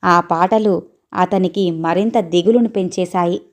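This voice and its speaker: A woman's voice: on the low side, unhurried. Woman storyteller reading steadily.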